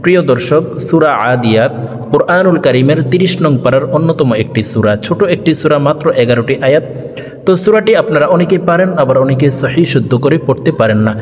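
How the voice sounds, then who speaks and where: A man teaching Quran recitation word by word, slowly chanting each verse in a drawn-out melody between brisk explanations. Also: on the high side, expressive. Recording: echoey room with long reverb and faint music.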